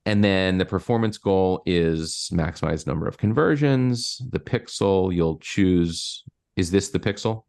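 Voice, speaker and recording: A deep, gravelly male voice with a darkish tone belongs to a marketing coach in his forties. He speaks at a measured pace, walking a client through things step by step on a screen-shared video call, and fills his explanations with plenty of fillers.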